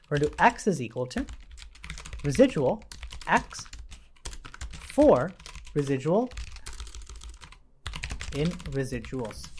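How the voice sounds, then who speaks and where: Explaining as he types, a man leads a relaxed live coding session, going step by step and often adding brief tag questions. His voice is slightly high and somewhat mellow, with a little background noise.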